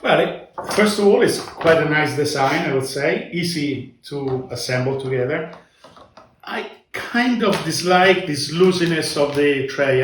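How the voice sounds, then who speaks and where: A man's voice: a little high, recorded from a distance. An older man giving plain-spoken opinions in a casual product review chat. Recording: echoey, noisy room, off mic.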